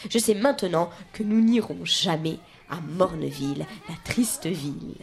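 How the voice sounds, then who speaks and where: A woman reading a children's book aloud in a lively, expressive way, with whispered asides. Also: on the low side, a little slow, vocal fry. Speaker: storyteller.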